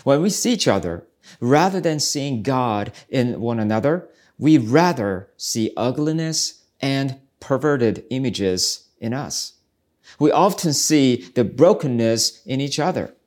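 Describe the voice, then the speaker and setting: A man's voice: medium pitch, animated, a little slow, a little mellow. Earnest man hosting a podcast. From South Korea. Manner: earnest, searching, preacherly. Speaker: podcast host, ministry speaker. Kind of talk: reflective devotional podcast talk.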